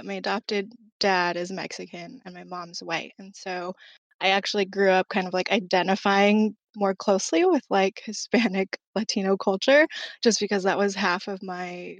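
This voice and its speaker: A woman's voice: mid-range voice, no room sound. A woman in her thirties from Southern California, a podcast guest talking casually with many ums and likes and small laughs. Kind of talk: casual chat.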